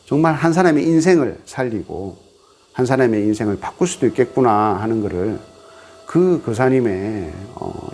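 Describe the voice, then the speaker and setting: Man, buddhist monk, sermon, swooping animated pitch, slightly husky. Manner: animated storytelling, acting out quoted speech. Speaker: Buddhist monk giving a dharma talk. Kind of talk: televised sermon.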